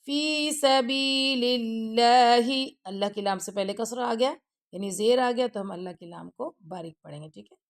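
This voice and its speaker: A woman teaching Quran recitation, chanting verses slowly and then explaining the rules quickly. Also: mid-range voice, creaky, darkish tone. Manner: slow drawn-out recitation alternating with quick explanations; repeats phrases and checks with "theek hai". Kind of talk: tajweed lesson, recitation with explanation.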